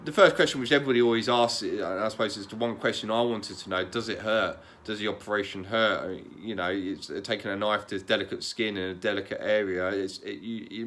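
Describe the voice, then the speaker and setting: A man talking in a casual, candid vlog, calm and matter-of-fact, often repeating words and restarting sentences. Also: on the low side. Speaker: vlogger.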